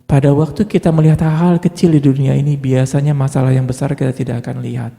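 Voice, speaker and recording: A man's voice: mid-range voice, little pitch movement, fast, vocal fry, warm tone. A man preaching a sermon with an Indonesian accent, in a conversational style full of rhetorical questions and playful asides. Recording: long hall reverb with faint music.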